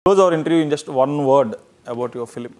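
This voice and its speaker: A talkative, encouraging man with a Telugu accent hosts a casual promotional film interview, switching between Telugu and English. His mid-range voice has a darkish tone, and he draws out his words.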